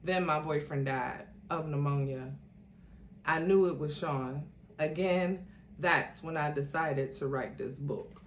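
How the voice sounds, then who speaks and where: Reading slowly in a low-sitting voice, a woman gives a story a theatrical, host-style performance, voicing the quoted dialogue. Faint noise and a roomy echo color the recording.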